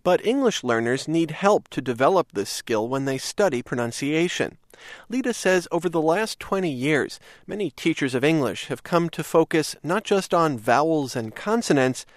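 A man hosting an educational radio program, reading scripted links in a measured, clear manner. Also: on the high side, expressive, dry recording, clean studio sound. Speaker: radio host.

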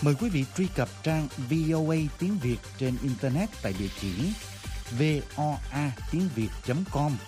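A man making formal radio station announcements in a polished, steady way. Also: on the high side, moderate pace. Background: music.

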